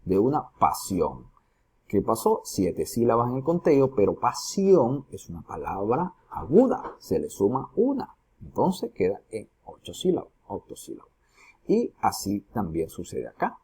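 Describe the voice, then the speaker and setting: Man, teacher, recorded lesson, dark mellow tone, husky, lively up-and-down pitch, asks rhetorical questions. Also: moderate pace. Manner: explains step by step, asks students rhetorical questions. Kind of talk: recorded lesson on poetry metrics.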